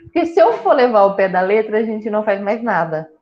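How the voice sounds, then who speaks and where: A woman telling her own cancer story in a casual talk, lively and joking as she acts out what people said. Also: mid-range voice, fairly quick. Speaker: breast cancer patient sharing her story. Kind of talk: casual conversation. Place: small town in Brazil. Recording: dull lo-fi sound.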